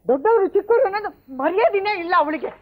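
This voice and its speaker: A woman's voice: extremely high pitch, expressive, quick pace, muffled recording, background noise. An actress playing an elderly village grandmother who is protective and blunt, scolding others but soothing her granddaughter in a TV serial. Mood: indignant. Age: older. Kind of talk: TV serial acting.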